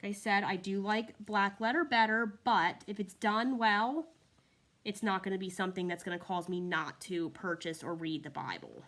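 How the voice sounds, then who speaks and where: A woman gives a friendly, chatty review of a Bible, flipping through its pages as she talks and sounding slightly out of breath. Her mid-range voice is a bit bright and moves at a moderate pace.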